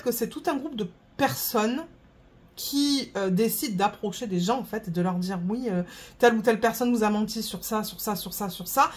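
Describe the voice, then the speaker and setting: Chatty woman, higher voice. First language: French. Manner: rambling, stops to search for words. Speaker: vlogger. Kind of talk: casual chat.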